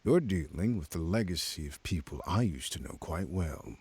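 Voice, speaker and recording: In scripted voice acting for a noir video game, a man plays a smug, menacing crime boss with a very deep, husky, exaggerated voice. He condescends to listeners in cryptic, measured phrases, his pitch swinging lively. The recording is dry.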